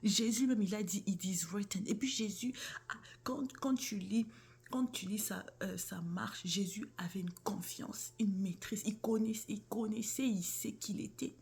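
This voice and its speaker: A woman with a mid-range, creaky and slightly mellow voice speaks at a moderate pace, giving a casual faith talk directly to her viewers. She's earnest, calls them sister or bro, and often drops to a near whisper.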